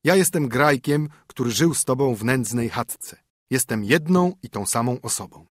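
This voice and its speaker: A man's voice: medium pitch, lively intonation, normal speed, dry recording, studio quality, natural voice. A man reading a fairy tale audiobook, voicing a stern poor minstrel husband who commands and scolds his wife. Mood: reassuring.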